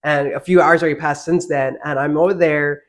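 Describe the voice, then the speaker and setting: A man's voice: on the high side, fairly even intonation, fairly quick, fairly bright tone. A young man sharing personal ghost stories in a casual, conversational way.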